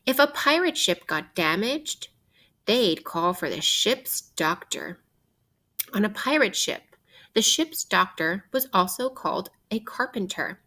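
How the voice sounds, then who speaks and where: With a medium-pitched, bright and forceful tone, a woman teacher reads a picture book to children. She proceeds deliberately and instructively, putting questions to them throughout.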